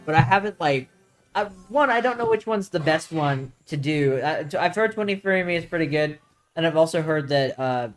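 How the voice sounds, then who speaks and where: A man's voice: fairly high pitch, expressive, a little fast, soft background music. A man co-hosting a casual podcast chat, joking and rambling with frequent laughs. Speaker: podcast co-host.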